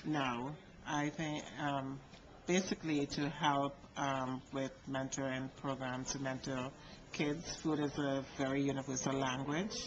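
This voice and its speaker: A woman's voice: a bass voice, flat delivery, unhurried, hardly any pauses. A woman from Trinidad and Tobago giving a short interview answer, plain and with fillers. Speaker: chef. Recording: dull sound with clear background noise.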